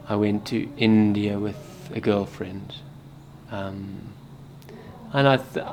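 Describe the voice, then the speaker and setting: A man in his thirties from Zimbabwe, a Buddhist monk answering interview questions in a soft, hesitant way that often trails off quietly. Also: lowish voice, noisy background. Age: 30s.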